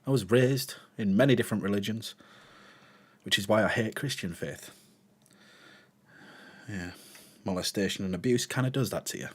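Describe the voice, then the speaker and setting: A man's voice: lowish voice, moderate pace, pauses often. A man hosting a reaction video, talking casually and emotionally, sighing, swearing and searching for words.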